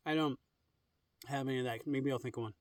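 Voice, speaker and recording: An easygoing man talks through his outdoor camp dinner, rambling with fillers. He records on a phone camera in the open air. His voice sits a bit distant from the mic, at an average pitch for a man. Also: steady tone, fast, no room sound. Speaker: vlogger. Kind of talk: casual camping vlog. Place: outdoors at a campsite on a cliff edge.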